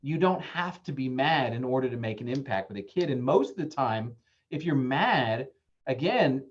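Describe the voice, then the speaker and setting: Male therapist, conversational presenter, a bit high-pitched, filler-heavy, muffled webinar sound. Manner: conversational, acts out quoted voices, frequent fillers. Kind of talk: casual talk-style presentation.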